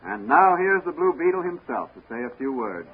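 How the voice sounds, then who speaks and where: A fairly high-pitched man narrates a 1940s radio serial as a suspenseful announcer, his pitch swinging widely at a fairly quick pace. The delivery is dramatic and declamatory, heard through tinny period audio with music behind it.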